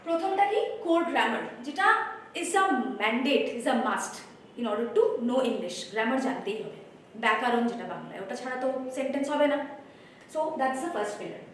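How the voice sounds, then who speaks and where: A woman's voice: a little high, animated, moderate pace, slight background noise. A woman teacher with a Bengali accent, introducing a spoken English course and explaining step by step while mixing Bengali and English. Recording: roomy echo, voice from far off.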